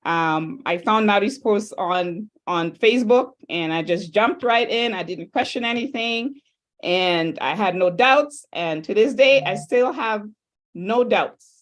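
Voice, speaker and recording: A woman's voice: medium pitch, measured pace. Upbeat woman from Trinidad and Tobago hosting. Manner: chatty, upbeat, lively asides. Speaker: host. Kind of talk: online panel hosting.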